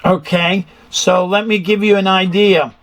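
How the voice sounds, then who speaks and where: A man's voice: high-pitched, steady tone, a little slow, a bit bright, poor audio. A man instructs a learner hands-on, explaining machinery methodically and checking understanding with questions. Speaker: instructor giving an engine room tour.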